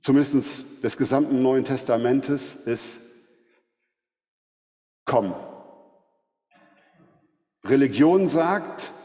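A man giving a sermon, earnest and measured, asking rhetorical questions. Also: medium pitch, warm tone. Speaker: preacher. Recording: long hall reverb.

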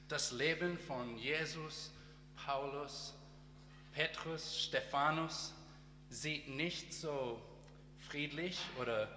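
A man from Australia whose first language is English, giving a short sermon in careful, halting German with many pauses and restarts. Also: on the high side, sharp tone, reverberant, in a large hall, a little hiss or hum. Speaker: guest speaker and teacher. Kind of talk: church testimony and short sermon.

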